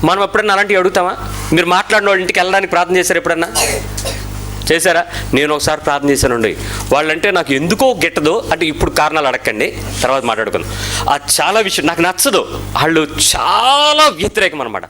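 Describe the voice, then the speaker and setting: A male pastor preaches with a high, bright, forceful voice. He talks in an animated way, questions the congregation and acts out their prayers. Faint music plays behind him. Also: fast talker. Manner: mixes English words into his preaching. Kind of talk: sermon.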